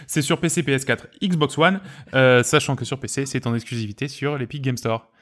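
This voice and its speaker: A man co-hosting a casual gaming podcast, teasing and laughing, drawn-out when introducing segments. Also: mid-range voice, fairly bright tone. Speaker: podcast co-host.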